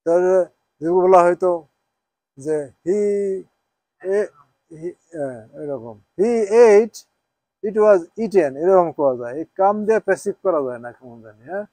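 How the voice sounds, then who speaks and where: High-voiced man teaching a class. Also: lively intonation, a little slow, dark tone, no echo. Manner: checks with students, asks "হ্যাঁ?" often; switches between Bengali and English, spells Arabic out. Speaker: Quran teacher. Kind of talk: informal class lesson.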